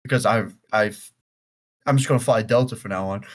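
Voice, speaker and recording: A man's voice: lowish voice, moderate pace. Profane young man telling a story. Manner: animated and heavily profane, with frequent restarts. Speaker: podcast co-host and judge. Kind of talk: casual storytelling.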